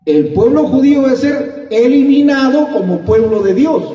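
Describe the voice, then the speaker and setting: High-voiced preacher in an echoey hall. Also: male voice, expressive, moderate pace, dark tone. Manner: emphatic, repeats phrases, addresses listeners as brother. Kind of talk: sermon. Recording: echoey hall, distant dull mic.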